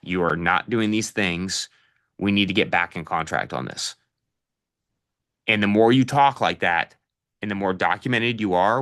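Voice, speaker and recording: Casual man coach, middle-aged, bright forceful tone, direct and practical. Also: low-pitched. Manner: casual, addresses listeners as "you guys"; direct practical advice with fillers. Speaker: real estate investing coach. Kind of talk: live online coaching session.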